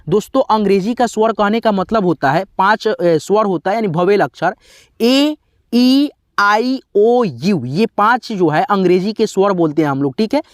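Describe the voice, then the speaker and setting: A man's voice: high-pitched, no room sound, studio quality. Man explaining English pronunciation. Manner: repetitive, asks and answers his own questions, frequent "theek hai". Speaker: English teacher, channel host. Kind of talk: classroom explanation.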